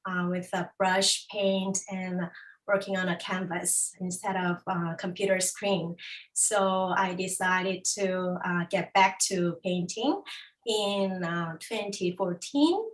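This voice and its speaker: A woman artist giving a measured introduction of herself, with frequent fillers. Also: mid-range voice, far from the mic, poor audio. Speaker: exhibiting artist. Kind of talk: personal introduction. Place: arts centre gathering.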